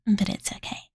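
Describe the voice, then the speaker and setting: Close to a Blue Yeti condenser mic, a woman whispers softly and breathily as a doting, playful young dragon girl, using cutesy, ditzy valley-girl filler and referring to herself in the third person. It's a whispered ASMR roleplay of bedtime storytelling, soothing and teasing, with no room sound.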